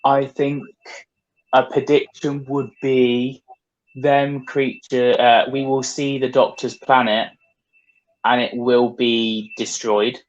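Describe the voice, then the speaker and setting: A man speaking as a podcast guest, in a measured, hesitant way with ums and restarts. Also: mid-range voice, flat delivery, lo-fi sound. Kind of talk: casual chat.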